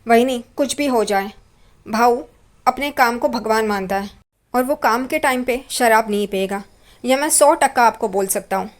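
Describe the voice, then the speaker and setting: A woman's voice: a little high, moderate pace, lightly acted. A woman voicing a loyal young man who earnestly defends his friend, in a spoken recap of a TV serial.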